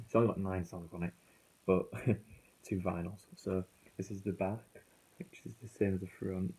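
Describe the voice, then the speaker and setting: Here a British man with a deep, mellow, slightly rough voice rambles through an unscripted, casual vlog as an album reviewer. Hesitant and prone to self-correction, he comes through muffled on a phone that is failing.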